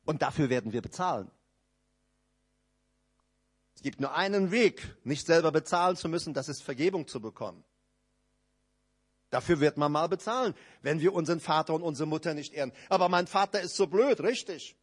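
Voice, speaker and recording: A man preaching a sermon, emphatic, swinging between loud rising outbursts and low quiet asides, and acting out quoted speakers in short dialogue bits. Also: lively intonation, moderate pace, long pauses, husky.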